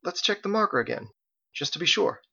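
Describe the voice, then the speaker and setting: A man's voice: high-pitched, big pitch swings, fairly quick, creaky, pushed and bright, slightly rough, dull audio, voice pushed up, heavily acted. A man doing a polite, genteel swordsman. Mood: mild. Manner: polite, mild. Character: genteel, mild-mannered man with a broadsword.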